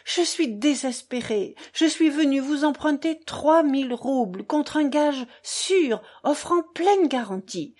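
A woman's voice: high-pitched, lively intonation, slow, few pauses, a little mellow, pitched above the performer's own voice. A woman reading as a feverish, desperate young man. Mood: fervent. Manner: urgent, pleading, fervent.

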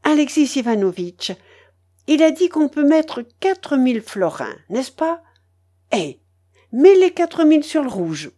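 Audiobook: a woman reading a bossy old grandmother at roulette, shrill, lively and demanding. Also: a little slow. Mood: excited. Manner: shrill, bossy, breathless commands. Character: imperious excitable old grandmother gambling at roulette.

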